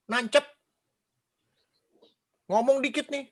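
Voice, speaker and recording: A man preaching a casual sermon, animated, quizzing the congregation and mimicking gossiping people. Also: very high voice, takes it slowly.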